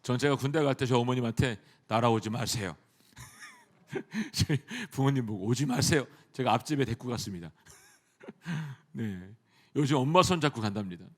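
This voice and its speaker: A male pastor preaching a sermon in a church, animated and often addressing the congregation directly. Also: medium pitch, fairly quick. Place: church sanctuary.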